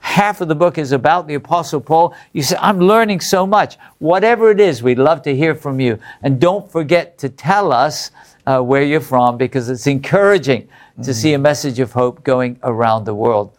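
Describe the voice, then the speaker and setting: This English Bible study host reads viewers' letters aloud, staying upbeat and chuckling between his comments. His voice is a little high and his pace moderate.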